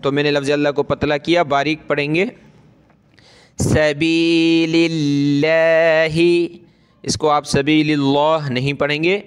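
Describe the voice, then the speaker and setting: A man teaching Quran reading, spelling each word out letter by letter and then reciting it slowly and drawn out. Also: on the high side, fairly even intonation, a bit bright, clear, resonant tone.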